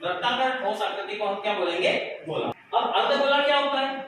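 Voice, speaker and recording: A man's voice: high-pitched, brisk. A male teacher giving a classroom lesson, asking the pupils questions and answering them himself. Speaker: math teacher. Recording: echoey room, noisy, from far off.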